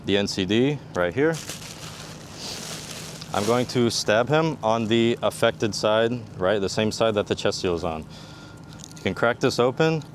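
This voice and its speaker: An army combat medic instructor with a fairly low voice leads a practical demonstration, explaining methodically step by step. He sounds animated yet a little slow, with long pauses, and faint ambient noise like vehicle rumble sits behind him.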